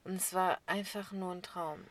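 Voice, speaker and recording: A young woman chatting casually as a podcast co-host, telling a story with lively laughs and acted-out quotes. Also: lowish voice, moderate pace, dry recording. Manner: animated storyteller, laughs often, acts out quotes.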